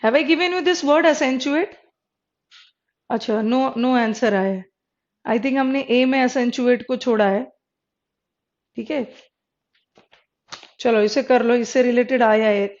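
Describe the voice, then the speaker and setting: A woman's voice: on the high side, takes it slowly, pauses often, darkish tone. A woman teaching English vocabulary in a live online class, explaining in mixed Hindi and English, repeating words and checking with her students. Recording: dull lo-fi sound.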